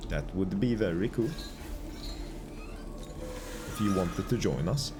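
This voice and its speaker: A man's voice: low-pitched, animated, slow pace, over music. A man streaming a game, chatting politely with viewers and thanking them, with a stuffy nose and a cough. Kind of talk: casual gaming commentary.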